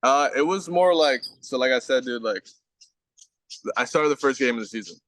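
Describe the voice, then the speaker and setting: A man's voice: mid-range voice, lively intonation, moderate pace, fairly bright tone. A man in his twenties, a guest on a podcast, telling stories in casual, slangy speech full of fillers and swearing. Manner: slangy, profane storytelling with many fillers. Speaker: guest, baseball pitcher.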